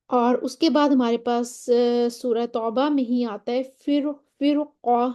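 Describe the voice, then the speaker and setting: A woman's voice: on the high side, steady tone, warm tone. A woman teaching a Quran recitation lesson, explaining step by step and often checking that her listeners follow. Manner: draws out Quranic example words slowly.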